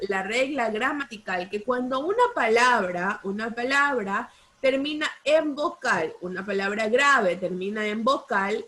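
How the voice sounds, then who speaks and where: A woman's voice: on the high side, a bit bright. A woman teaching a primary school class online by video call, patiently repeating points and checking understanding with questions.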